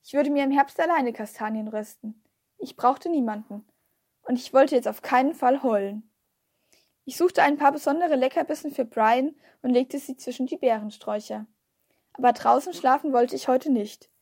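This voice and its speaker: A woman reading a children's novel aloud in a steady, expressive way. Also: high-pitched, moderate pace. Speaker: audiobook reader. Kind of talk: scripted narration.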